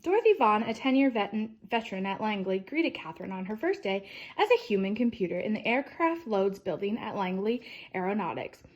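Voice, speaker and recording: A woman with a mid-range, sing-song voice reads a children's picture-book biography aloud as a storyteller, and the recording's highs are cut off. She phrases deliberately, stressing sentence starts and letting the endings fall softly.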